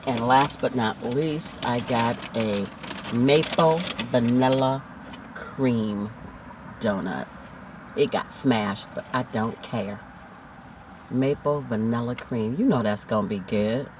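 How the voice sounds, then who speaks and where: A man's voice: medium pitch, takes it slowly, noisy background. A man chatting casually in a food mukbang vlog, heartfelt and talkative, lingering over each item. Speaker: food vlogger.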